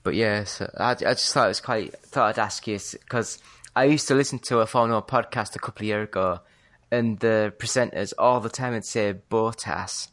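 A British man co-hosting a podcast, chatting in a relaxed way and often hedging what he says. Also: on the low side, a little fast. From Britain. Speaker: podcast co-host. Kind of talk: casual chat.

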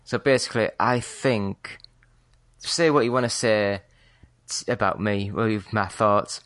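A British man co-hosting a podcast, chatting in a relaxed way and often hedging what he says. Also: lowish voice, unhurried. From Britain. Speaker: podcast co-host. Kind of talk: casual chat.

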